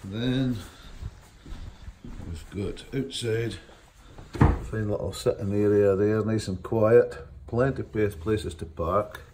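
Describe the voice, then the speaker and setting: Walking through a wooden lodge indoors, a man gives an informal tour into a handheld phone camera, unhurried and halting with fillers as he moves through the rooms and hallways. His voice is lowish. The rooms echo, and handling noise is clearly audible.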